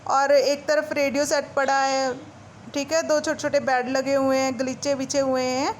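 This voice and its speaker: A woman with a high voice teaches a school lesson, reading a short play aloud and then going back over it in relaxed, everyday words. A faint hiss sits behind her. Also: normal speed. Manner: reads a passage then retells it in casual Hindi-English mix.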